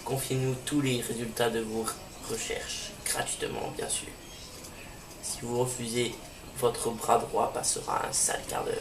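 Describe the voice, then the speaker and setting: A threatening villain grunt hisses low, half-whispered demands, as a man puts him on while playing a game. The sound is roomy and far from the mic, with a faint hiss. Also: little pitch movement, unhurried, lightly acted. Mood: menacing.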